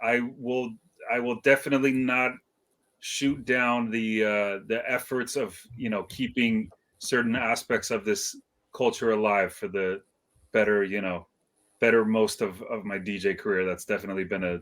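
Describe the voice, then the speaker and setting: This middle-aged hip hop DJ, Icelandic-born and raised in California from age seven, rambles reflectively and hesitantly in slang during a casual interview. He speaks at a moderate pace with a flat delivery and a fairly low, fairly bright voice.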